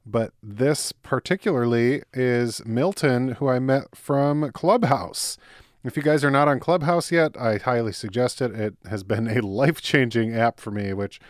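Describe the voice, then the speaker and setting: A man's voice: mid-range voice, unhurried, no room sound, studio quality. Chatty laughing male podcast host. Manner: chatty, laughs often, many fillers and restarts. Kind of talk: casual podcast interview.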